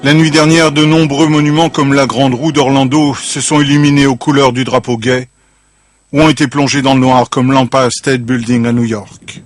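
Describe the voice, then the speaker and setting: A man narrating a television news report in a measured, grave tone. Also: mid-range voice, flat delivery.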